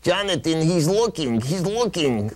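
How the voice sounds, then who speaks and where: A man's voice: a little high, sing-song, moderate pace, a bit bright, a little hiss or hum. A man voicing a simple, eager puppet sidekick with an insistent manner in a puppet show. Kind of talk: puppet show comedy patter.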